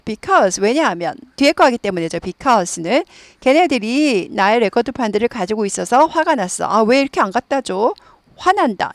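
A woman teaching English conversation in Korean, explaining grammar and reading example sentences slowly and carefully, repeating words for drill practice. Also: medium pitch, creaky, no echo.

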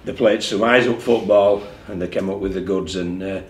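A man in his sixties talks through a match at a press conference, in a fairly low voice. He speaks candidly and repeats words as he gathers his thoughts. The small room is echoey, with a faint hum behind him. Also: fairly even intonation, normal speed. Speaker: rugby league head coach. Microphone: desk mic in front of him.

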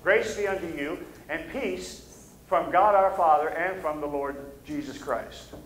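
A middle-aged pastor with a Midwestern American accent preaches a casual, plain-spoken sermon from behind a pulpit, asking the room for agreement. His voice is fairly high and fairly bright, delivered unhurriedly. The echoey sanctuary recording carries a little hiss or hum.

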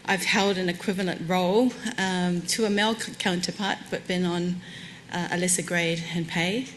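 Speaking from a conference lectern, a New Zealand woman of Samoan heritage delivers a warm, frank keynote, poking fun at herself and laughing lightly. Her voice is on the low side with fairly even intonation at a moderate pace, and the rough recording via the lectern mic carries slight background noise.

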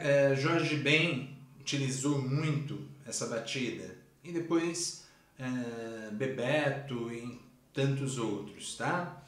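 A man with a Brazilian Portuguese accent teaching a cavaquinho lesson, explaining each step slowly and patiently. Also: medium pitch. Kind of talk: music lesson instruction. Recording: roomy sound with instrument playing.

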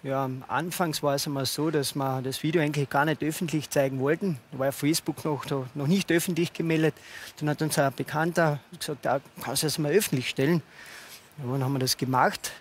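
A man's voice: on the high side, steady tone, fairly quick, a little hiss or hum. A man, earnestly explaining things as a guest father on a TV talk show, wearing a headset mic in the studio. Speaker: father of a young skier. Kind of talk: talk-show interview answers. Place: TV studio with audience.

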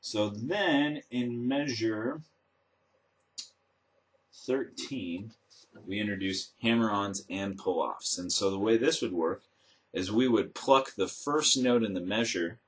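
Indoors among instruments, a man with a lowish voice gives a guitar lesson, demonstrating and explaining each step in a methodical, measured way. Around his voice come the notes and plucking of an acoustic guitar.

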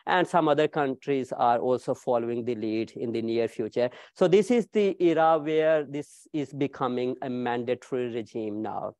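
A man in his thirties lectures in a small seminar room, gesturing as he talks and often filling pauses with "uh, you know." His voice sits at an ordinary pitch, and the sound is dry with little room echo, picked up by a camera across the room. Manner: animated, gestures while pacing, frequent "uh, you know" fillers. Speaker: keynote speaker. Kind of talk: academic keynote lecture. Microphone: far room camera.

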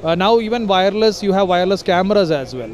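A man's voice: high-pitched, lively intonation, fast talker, faint music behind. A man, a lighting consultant explaining his work at a busy expo hall with many hesitations. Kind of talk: trade show interview. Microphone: handheld mic from interviewer.

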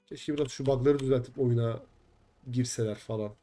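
A young man streams a game live, talking loosely to his viewers and venting at every glitch with quick curses. His voice sits at an ordinary pitch with a dark, mellow tone. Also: fairly even intonation. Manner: frustrated, swears often, chats with viewers. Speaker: gaming streamer.

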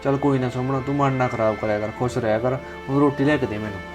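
A man's voice: mid-range voice, fairly even intonation, fast, natural voice. A young man with an Indian Punjabi accent plays a husband comforting his wife in a village family drama. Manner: reassuring, soothing. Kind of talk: village web drama acting. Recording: background music under dialogue.

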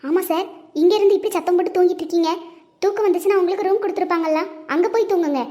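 A woman's voice: extremely high pitch, steady tone, very fast, dark tone. A woman with a Tirunelveli Tamil accent voicing a firm hospital nurse in a cartoon. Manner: firm, telling off.

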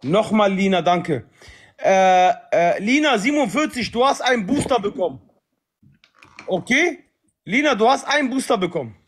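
With an expressive, high voice at normal speed, a thirtysomething man hosts a livestream from his living room on a phone held at arm's length. He keeps up slangy, repetitive banter and shouts out to viewers.

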